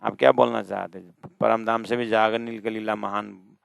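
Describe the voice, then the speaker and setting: A man's voice: fairly low pitch, little pitch movement, gravelly, clear, resonant tone, dry recording. A man teaching a scripture class, explaining verses one by one and arguing with imagined students. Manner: slow, drawn-out reading of verses. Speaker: spiritual teacher.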